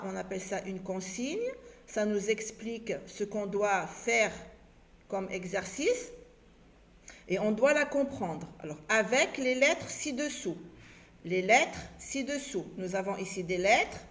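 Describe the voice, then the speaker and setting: A woman teacher giving a recorded lesson to young children, slowly spelling out letters and syllables and repeating herself for them. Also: a little high. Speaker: primary school teacher.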